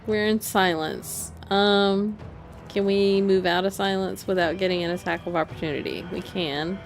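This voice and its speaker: A woman's voice: mid-range voice, steady tone, normal speed, faint music behind. A woman streaming a video game live, thinking aloud in casual commentary and laughing often.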